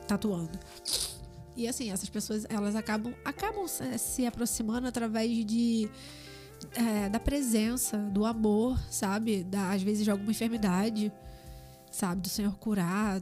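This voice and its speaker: A woman's voice: medium pitch, mellow. A woman with a Brazilian Portuguese accent, a tattoo artist and podcast guest, speaking earnestly and reflectively in casual chat.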